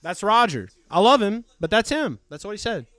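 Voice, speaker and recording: A man hosting a live race stream, giving excitable, profane, jokey commentary. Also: sits high, moderate pace, no echo, studio quality.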